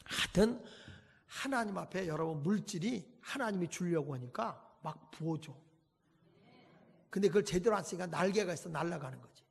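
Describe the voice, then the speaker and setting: Gravelly pastor in an echoing hall. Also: male voice, high-pitched, normal speed. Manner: folksy, animated storytelling, voices people in his stories. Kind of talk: revival sermon with acted anecdotes. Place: church sanctuary. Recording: long hall reverb.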